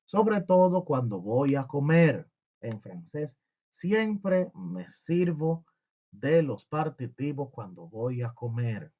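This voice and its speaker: A man's voice: mid-range voice, sing-song, slow, dark tone, dull audio. A man teaching a French lesson with humor, asking and answering his own questions.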